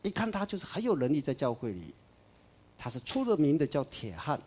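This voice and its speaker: A man preaching a sermon, emphatic, swinging between loud declarations and soft asides. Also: fairly high pitch, huge pitch swings, fairly quick, a little hiss or hum.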